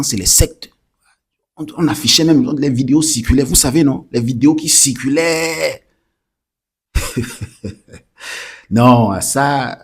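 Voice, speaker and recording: Lively French-speaking male commentator. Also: mid-range voice. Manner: lively, repeats himself, many restarts, talks to viewers directly. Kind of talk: casual spoken commentary.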